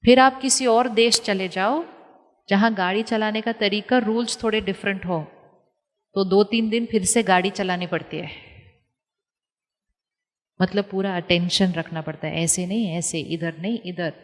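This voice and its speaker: A woman giving a calm spiritual talk to an audience, teaching step by step with rhetorical questions and repetition. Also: mid-range voice, unhurried, long pauses. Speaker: spiritual speaker. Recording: long hall reverb.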